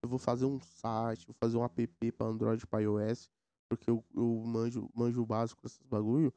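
A man's voice: mid-range voice, little pitch movement, normal speed, mellow, dry recording. A man, hosting a casual solo podcast and rambling in slang from topic to topic. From São Paulo, Brazil. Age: 20s. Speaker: podcast host. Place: home setup with a mechanical keyboard. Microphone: recorded through a sound card.

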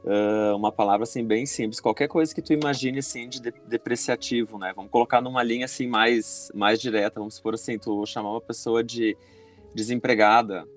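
A man's voice: medium pitch, fairly even intonation, a little fast, soft background music. A man, explaining energy and vibration in a casual podcast chat, full of fillers and restarts. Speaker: podcast guest.

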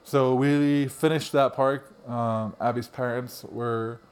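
A man's voice: medium pitch, fairly even intonation, takes it slowly, slight background noise. A man co-hosting a casual podcast, rambling through his thoughts with many ums and restarts. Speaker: podcast co-host. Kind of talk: casual chat.

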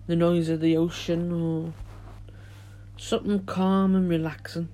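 A male podcast host chats informally to his listeners. His voice is mellow and fairly monotone. The delivery is unhurried and a little halting, without polish. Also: fairly high pitch. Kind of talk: casual solo podcast chat.

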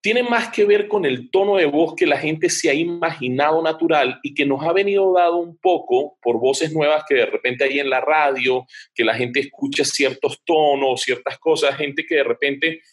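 A man's voice: a little high, moderate pace, hardly any pauses. A man speaking as an interview guest, an advertising director explaining his work at length, thinking aloud with frequent hesitations.

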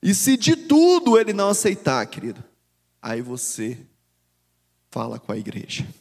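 With a fairly high, darkish voice full of vocal fry and huge swings in pitch, a Brazilian-accented man preaches at normal speed as a bishop. He speaks animatedly and conversationally, often saying "dear" to his listeners, and the sound carries a long reverb tail.

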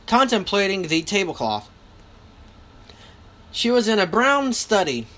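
Lively woman reading a novel aloud. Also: mid-range voice. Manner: lively, self-correcting reading. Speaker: reader.

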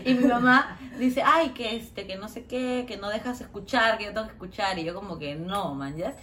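A young woman, co-hosting a podcast and telling family stories in animated casual chat. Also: mid-range voice, moderate pace, slight background noise. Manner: animated storytelling, acts out relatives' voices. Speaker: podcast co-host.

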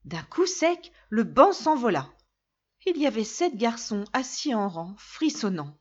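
Woman reading a fairy tale, lively up-and-down voice, kinda muffled lo-fi audio. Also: on the high side, a little slow, slightly rough. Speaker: narrator. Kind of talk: storybook narration. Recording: dull lo-fi recording.

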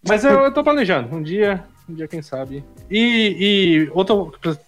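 A man's voice: high voice, expressive, unhurried, faint music behind. A Brazilian man with a Brazilian Portuguese accent chats casually on a podcast, slangy and full of tag questions.

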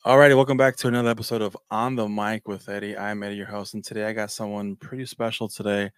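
Male podcast host, low voice, halting casual delivery, dry close recording. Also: little pitch movement, clean tone, dry recording. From Mexico. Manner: halting, many restarts and fillers. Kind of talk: casual interview talk.

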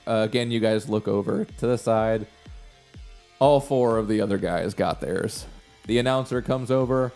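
A man's voice: on the low side, normal speed, darkish tone. A man working as game master, narrating a tabletop game in a casual, conversational style. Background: music.

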